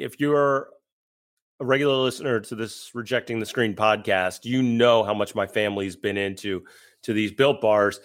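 A man's voice: medium pitch, fairly bright tone. A man in his thirties, co-hosting a sports podcast, talking casually with frequent stammered restarts and the odd joke, and reading an ad. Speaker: podcast co-host. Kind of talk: casual sports talk with host-read ad.

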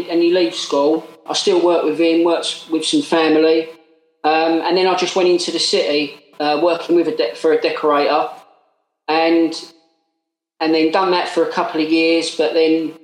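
A man's voice: a little high, flat delivery, normal speed. A man in his late thirties with an Essex accent, chatting casually as a podcast guest in a matey, working-class way. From Essex, England. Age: late 30s. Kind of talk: casual chat. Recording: roomy, echoey sound.

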